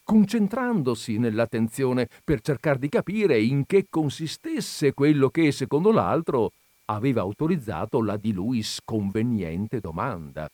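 A man narrating a comic short story in an expressive, measured storytelling manner. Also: mid-range voice, no echo. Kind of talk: audiobook reading of a comic story.

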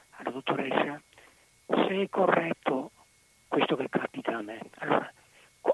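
A man's voice: on the high side, slightly rough, dry recording. A man calling in to a radio show over the phone, putting a careful, hedged question to the guest. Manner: careful and hedging. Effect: phone line. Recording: tinny dry phone line.

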